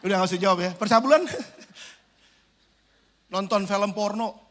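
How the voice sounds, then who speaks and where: A high, bright-voiced male pastor preaches in an animated, joking way. He drops from loud preaching into low asides, and his voice rings out with the long echo of a large church hall. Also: a little slow. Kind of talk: sermon.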